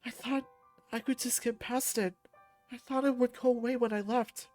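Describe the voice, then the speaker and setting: A woman voicing a guarded young man who is close to tears, speaking quietly and hesitantly over faint music. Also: on the high side, steady tone, normal speed, voice pushed up, lightly acted. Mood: tearful.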